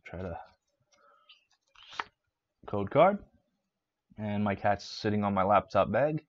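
A man's voice: fairly low pitch, lively intonation, slow pace, no room sound, lo-fi sound. A man live-streaming as he opens trading card packs, chatting casually and listing card names with fillers and restarts.

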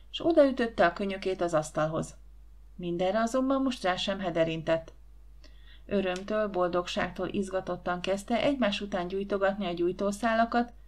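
A woman narrating a children's storybook audiobook in a gentle, even storytelling manner. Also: medium pitch.

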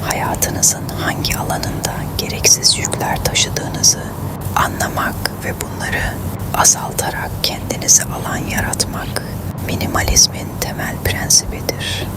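A narrator reading a script in a hushed, breathy ASMR whisper, quiet as if late at night. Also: unhurried.

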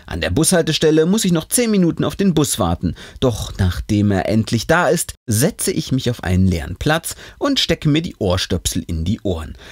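A man reads a first-person horror story aloud. His pitch moves a great deal and his reading is expressive. The sound is dry and close. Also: no room sound. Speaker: story reader.

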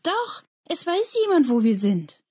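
A woman's voice: sits high, big pitch swings, unhurried, mellow, pitched above the performer's own voice. A woman voicing an earnest young schoolboy who pleads and believes in storybook scenes.

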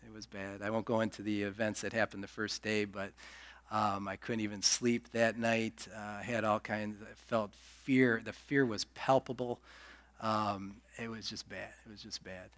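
A man's voice: fairly low pitch, level tone, normal speed, a bit bright. A man giving a personal testimony in a church sermon, talking conversationally with many fillers and restarts and acting out the voices of people he quotes. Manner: acts out quoted speech and gestures. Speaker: church member sharing testimony. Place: church sanctuary.

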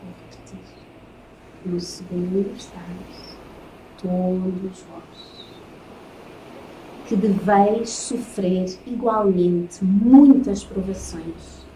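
Slow-spoken Portuguese woman lecturing in an echoey room. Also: mid-range voice, mellow. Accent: European Portuguese. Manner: slow, measured reading with solemn pauses. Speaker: spiritist lecturer. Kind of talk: spiritual lecture reading from slides. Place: lecture room in front of a projected slide. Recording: echoey room, faint noise.

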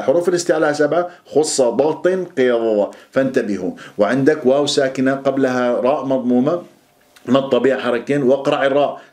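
A man's voice: mid-range voice, darkish tone. A man teaching Quran pronunciation, stretching out sounds to demonstrate them and firmly correcting common mistakes. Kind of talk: pronunciation lesson.

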